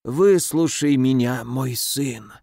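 A man reading the part of a dying old nobleman father, speaking slowly and weakly. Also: a little high, lively intonation, no room sound, studio quality. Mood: weak, pleading. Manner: slow, weak, muttering.

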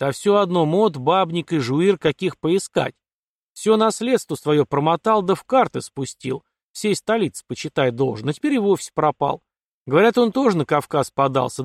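A man voicing a gruff, gloomy older colonel and father in a storybook, speaking bluntly and grumbling. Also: fairly high pitch, no room sound, studio quality.

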